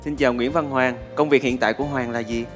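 Guy hosting a tv singing show, quick talker, music and crowd noise behind. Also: medium pitch, fairly even intonation, long reverb tail. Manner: upbeat, formal announcer phrasing. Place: TV studio with audience.

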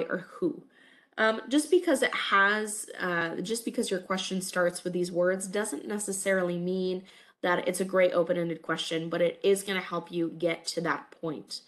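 A friendly woman in her thirties, congested from a cold, lectures on college English for a recording made with a webcam over slides. Her voice is on the low side and a little bright, and she uses lots of "um" fillers.

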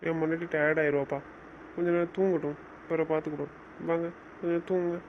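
Soft-spoken young man, muffled recording. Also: fairly high pitch, level tone, quick pace, a little hiss or hum. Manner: soft-spoken, coaxing, gently teasing. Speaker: husband in a couple's chat. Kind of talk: casual couple banter.

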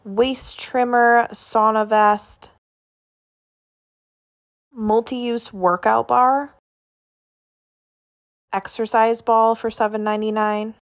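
A woman's voice: fairly high pitch, little pitch movement, slow pace, pauses often. A woman vlogging a casual walk through a grocery store, chatting about products and prices as she films on her phone. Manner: chatty, listing items and prices. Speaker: shopping vlogger.

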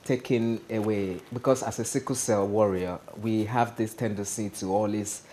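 On a TV studio set, a stand-up comedian with a Nigerian accent speaks casually as an interview guest. His fairly low voice runs at a moderate pace over a little hiss or hum, and he's lively, gesturing a lot and checking "you understand?"

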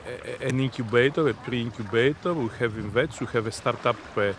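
Seaside background noise accompanies a mid-range male voice, a man in his fifties being interviewed as an innovation zone representative. He explains things off the cuff, pausing and choosing his words deliberately on the beach.

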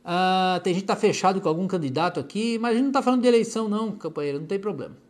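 Man, middle-aged, brazilian portuguese accent, fairly high voice, hypnotherapist on a live stream, casual and chatty, affectionate, soft asides off camera. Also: lively intonation, racing. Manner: chatty and affectionate, often dropping softly aside to someone off camera. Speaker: clinical hypnotherapist. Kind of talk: casual live-stream chat reading viewer comments.

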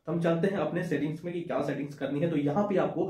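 A young man hosts a phone tutorial to camera, speaking very fast in a slightly high, steady voice with a dark tone. He explains step by step, repeats his points, and talks to viewers as friends. He's in a small indoor room with shelves, and the sound is echoey.

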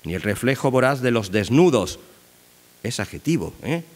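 A man's voice: medium pitch, sing-song, normal speed. An older man giving an academic conference lecture on poetry, talking in a digressive way with many fillers and tag questions into a desk microphone. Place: large lecture hall. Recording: reverberant hall.

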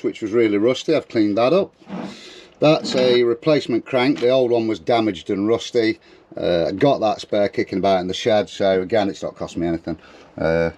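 A man's voice: medium pitch, dark tone. A man in his forties with a broad Derbyshire accent from the East Midlands, chatting casually to camera in a jokey, slangy way. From Derbyshire, England. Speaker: vlogger presenting a bike restoration. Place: mostly outdoors in a garden, some in a wooden shed workshop.

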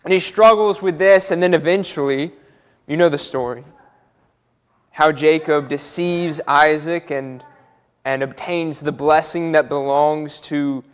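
A young man preaching a sermon from a church pulpit, earnest and repeating words as he builds each point. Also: on the high side. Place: church auditorium, speaking from a pulpit. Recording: church hall with long reverb.

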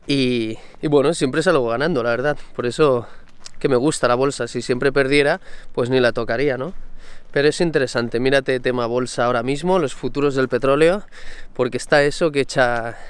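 Young man, chatty slangy vlogger, smooth clear voice, mid pitch. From Spain. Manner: chatty, laughs often, slang-heavy. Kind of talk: casual vlog talk.

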